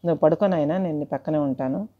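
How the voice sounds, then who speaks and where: Worried, gentle uncle in a spoken story, read by a woman; low mellow voice, dull lo-fi sound. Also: quick pace. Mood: concerned. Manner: concerned, coaxing.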